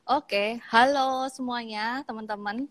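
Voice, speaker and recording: A makeup artist in her thirties from Malang, East Java, speaks with a Javanese accent as a guest in a live-stream interview picked up by a phone. She chats casually, laughs easily and fills pauses with hesitations, fillers and restarts. Her voice is fairly high and a bit bright, with fairly even intonation and no echo.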